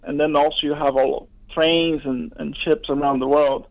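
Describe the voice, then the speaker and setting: A man with a fairly high voice calls in to a talk show. He speaks casually and hesitantly, full of fillers, through a narrow-band telephone line. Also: flat delivery. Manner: hesitant, halting, many fillers. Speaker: radio phone-in caller. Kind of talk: casual chat. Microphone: telephone call.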